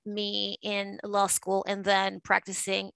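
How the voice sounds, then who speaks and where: A woman's voice: medium pitch, monotone, takes it slowly, gravelly, fairly bright tone, clean tone, dry recording. A woman in her forties from Venezuela, an art advisor talking fluently and emphatically as a podcast guest. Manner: fluent, emphatic, with frequent fillers. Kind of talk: conversational interview.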